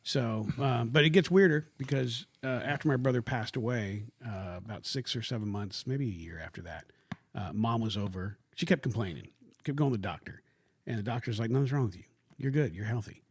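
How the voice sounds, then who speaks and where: A man's voice: medium pitch, a little fast, breathy edge, no echo. A man from Houston, guesting on a podcast in a studio, telling family stories in a rambling way full of "you know" fillers. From Houston, Texas. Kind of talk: casual chat, storytelling.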